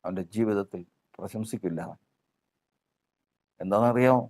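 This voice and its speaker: A man preaches a sermon in a somewhat low voice. He builds his points through repetition and rhetorical questions, pressing each phrase home. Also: moderate pace, darkish tone.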